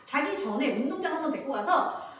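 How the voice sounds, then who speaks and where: A high-voiced woman gives a lecture to parents, and her pitch swings widely as she acts out children and parents. She sounds set back from the microphone in a big echoey hall, with faint noise behind her. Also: expressive, fairly quick, distant mic. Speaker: parenting educator.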